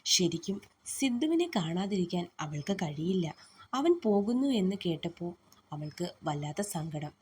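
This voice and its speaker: A woman narrating a romantic story and softly reading both lovers' lines herself. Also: fairly low pitch, very animated, moderate pace, slight background noise.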